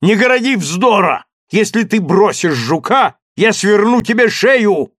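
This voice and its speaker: Storybook part: man playing an excitable, obsessed gentleman, urgent shouted commands, dry close sound. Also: sits high, measured pace, dry recording, pitched above the performer's own voice, exaggerated voice. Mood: feverish. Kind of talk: audiobook character voice.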